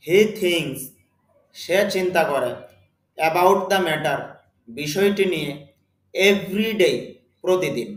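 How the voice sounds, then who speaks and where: This spoken English lesson comes from a man with a Bengali accent whose voice is on the high side. The room echoes, and he speaks slowly and deliberately, repeating words for his students.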